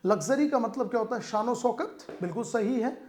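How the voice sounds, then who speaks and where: A man's voice: extremely high pitch, a little fast, darkish tone, slight background noise. Indian man teaching exam English. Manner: explains word meanings in Hindi mixed with English, repeating "ठीक है". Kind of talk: exam-prep vocabulary lesson.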